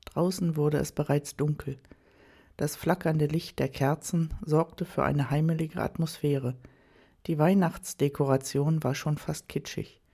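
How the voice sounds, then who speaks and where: Calm, mellow storybook reader. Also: medium pitch. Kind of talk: scripted narration.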